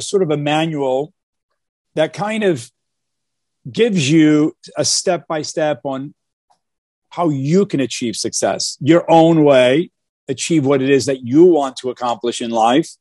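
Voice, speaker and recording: A man's voice: fairly high pitch, a little mellow, no echo, studio quality. A man from Portugal talking about his life as a guest on a video call, earnest, with many fillers and repeated starts. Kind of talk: casual interview talk.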